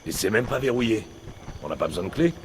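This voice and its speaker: A man's voice: fairly low pitch, lively intonation, quick pace, noisy background, lightly acted. An actor playing a terse male resistance squad leader who gives clipped commands in a game. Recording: game audio, loud street ambience.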